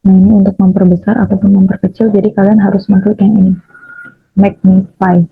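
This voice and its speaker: A young woman from Indonesia, a chemistry education student, walking through a software tutorial with frequent fillers. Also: medium pitch, flat delivery, a little fast, dry recording. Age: young adult. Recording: raspy phone-like lo-fi audio.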